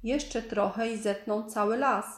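A woman voicing a brave, gentle young girl in a storybook, speaking earnestly and pleadingly. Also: fairly high pitch, steady tone, measured pace, lightly acted. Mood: hopeful. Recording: echoey room.

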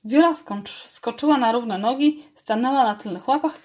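Woman reading a storybook, fairly high voice, lively narration. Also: moderate pace, slight background noise.

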